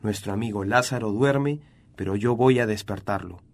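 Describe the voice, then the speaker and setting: Jesus, read by a man, slow and solemn. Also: fairly low pitch, natural voice. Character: Jesus, calm grown male teacher.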